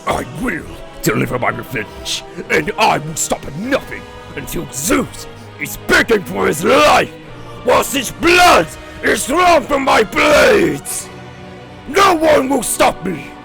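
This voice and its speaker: A man voicing a vengeful, tormented Spartan warrior, with a brooding manner, slow drawn-out lines that rise into shouts. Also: low-pitched, lively intonation, heavily acted. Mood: furious. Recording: music playing loudly behind.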